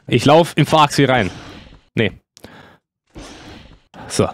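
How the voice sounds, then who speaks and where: A man commenting excitedly on a horror game as a let's-play host, exclaiming and yelping often. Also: medium pitch, slow, no echo, studio quality. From Germany. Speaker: gaming YouTuber.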